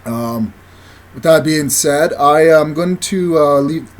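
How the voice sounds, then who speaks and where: A man leaving a voicemail to lodge a formal complaint, halting and full of hesitations. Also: on the high side. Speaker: caller.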